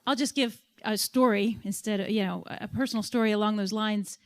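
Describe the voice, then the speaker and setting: A woman's voice: medium pitch, steady tone, fairly quick. A woman on a panel telling a candid, emotional personal story.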